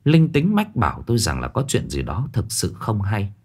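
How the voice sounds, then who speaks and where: A man's voice: fairly low pitch, wildly swooping pitch, normal speed, a little mellow, slightly rough. A man narrating a first-person horror story in a dramatic, tense way. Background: faint music.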